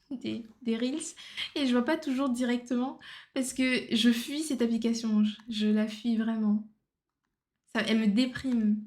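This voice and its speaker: Her voice sits on the high side and is a little mellow; she's an art streamer talking casually as she draws. Between strokes she drops in English phrases and murmurs to herself.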